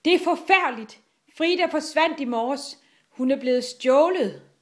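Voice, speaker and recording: A woman's voice: animated, a bit bright. A woman doing a panicked father. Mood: alarmed. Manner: high-pitched, agitated. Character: frightened worried father, a man.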